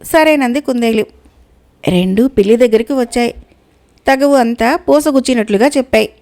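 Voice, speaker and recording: Woman storyteller, fable narration, expressive, a bit high. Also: normal speed.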